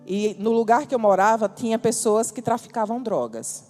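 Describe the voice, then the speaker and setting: A woman's voice: on the high side, lively intonation, moderate pace, dark tone, in a large hall, faint music behind. A woman preacher telling a personal testimony in a sermon, storytelling with acted-out dialogue and bursts of emphasis.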